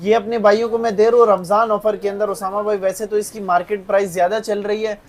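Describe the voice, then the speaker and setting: High-pitched Pakistani man doing hard-sell pitch. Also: level tone, fast. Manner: repetitive, insistent price announcing, addressing buyers as brothers. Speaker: phone shop seller.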